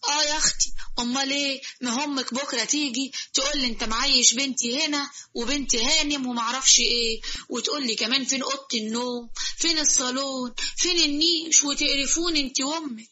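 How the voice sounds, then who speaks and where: A woman's voice: sits high, steady tone, a little fast, pushed and bright, dull audio. A woman voicing a brash, cocky young Egyptian man who jokes and teases, in Egyptian Arabic. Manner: cocky, teasing.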